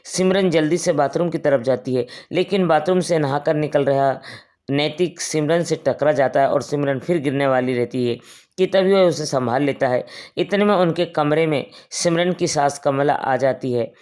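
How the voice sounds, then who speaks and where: A man's voice: a little high, normal speed, a little mellow. A man narrating a family moral story as a storyteller, reading all the characters in much the same voice. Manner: reads all characters in one voice with small shifts.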